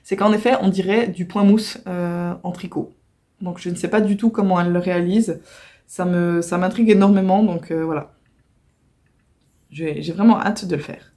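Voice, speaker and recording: A woman's voice: mid-range voice, dark tone. A woman vlogging casually at home about her crafts, chatty and often apologetic, with many fillers and self-corrections. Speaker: crochet vlogger. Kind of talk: casual chatty video talk. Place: at home by a computer.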